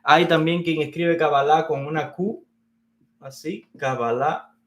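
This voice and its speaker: Higher-voiced man teaching Kabbalah. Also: steady tone. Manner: unhurried, explains step by step, repeats key words. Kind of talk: explanatory lecture on Kabbalah. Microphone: teaching at a whiteboard.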